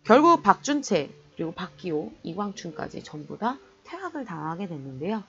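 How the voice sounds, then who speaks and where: A woman's voice: fairly low pitch, sing-song, moderate pace, dull audio. A woman history teacher giving an online lecture in a chatty, colloquial storytelling manner.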